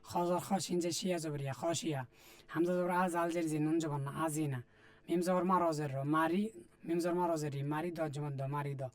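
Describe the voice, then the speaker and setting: A man's voice: fairly high pitch, steady tone, fairly quick. Man, Bangladeshi Bengali accent, Quran reading teacher, repetitive spelling drill, patient. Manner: patient, repetitive, addresses viewers directly. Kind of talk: spelling drill lesson, letter by letter.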